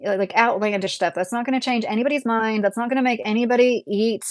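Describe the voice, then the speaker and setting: Fast and fairly even in intonation, her voice on the high side, a woman in her late thirties fields viewer comments during a casual YouTube livestream, rambling and chuckling as she goes. She is from Southern Indiana and has a Midwestern accent. The audio is clean studio sound with no room sound.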